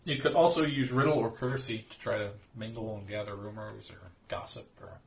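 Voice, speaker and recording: A man's voice: on the low side, a little fast, creaky, recorded from a distance. A man narrating and joking as game master in a tabletop role-playing game. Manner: relaxed, joking, with fillers and laughs. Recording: echoey room with faint noise.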